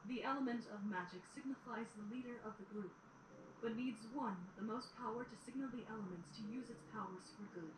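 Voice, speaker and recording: Regal pony princess played by a woman: patient mentor, measured and formal, highish voice, audio drama with clear background noise. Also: natural voice. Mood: instructive. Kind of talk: fan audio drama acting. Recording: roomy, distant, noisy playback of audio drama.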